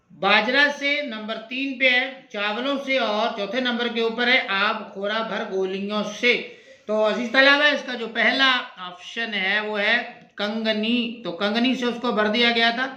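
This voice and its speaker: A high, very bright male voice with a Pakistani Urdu accent, talking a class step by step through exam answers. He speaks slowly and deliberately and says key words again for his students. The room around him sounds echoey. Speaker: teacher. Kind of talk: exam-prep lesson walkthrough.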